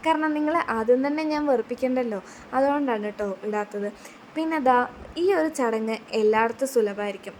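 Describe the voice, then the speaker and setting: A woman's voice: on the high side, slight background noise. A young woman narrating a family video as a vlogger, chatty and a little shy, with many hesitant fillers. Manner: admits to being shy on camera.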